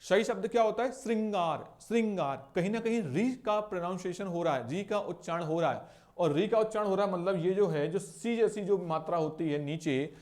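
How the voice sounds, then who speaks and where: A man's voice: high-pitched, a little mellow. A young man teaching an exam-prep lesson, explaining each answer and asking and answering his own questions. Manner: repeats words slowly to show spelling and pronunciation.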